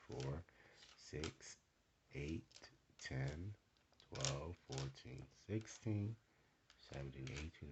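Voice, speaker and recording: Speaking in a low voice over background noise, this male host does an improvised, casual card reading for the viewer. As a tarot reader, he keeps tossing in short tag questions to check in.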